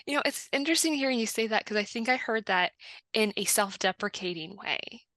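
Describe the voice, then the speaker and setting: A woman co-hosts a casual podcast conversation, her voice bright and forward. She talks in a chatty way and acts out little quoted lines as she goes. The sound is close and dry. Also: medium pitch, expressive, fairly quick, no room sound. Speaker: podcast co-host.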